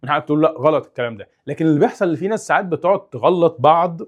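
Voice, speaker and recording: A young man with an Egyptian Arabic accent teaching English in a casual, animated way, exaggerating sounds to demonstrate them. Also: fairly high pitch, rapid-fire, dull audio. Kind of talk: casual explanatory lesson.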